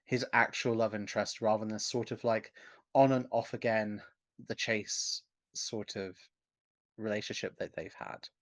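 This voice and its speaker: A man co-hosting a podcast, speaking in a measured way and often searching for the right words. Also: fairly low pitch, fairly even intonation, dry recording. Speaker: podcast co-host. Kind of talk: casual podcast discussion.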